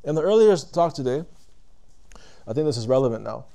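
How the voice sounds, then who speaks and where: A man's medium-pitched voice, expressive, creaky, and warm, carries a reflective religious lecture to a live audience. He addresses listeners with questions in a conversational manner, speaking deliberately and stopping to rephrase.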